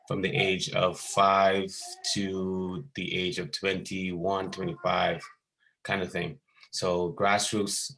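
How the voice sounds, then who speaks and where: Over a video call, this thirty-something man from the Bahamas, who coaches basketball skills, talks in a loose, stop-start way full of ums and false starts. He sits low in pitch with a gravelly yet slightly bright sound.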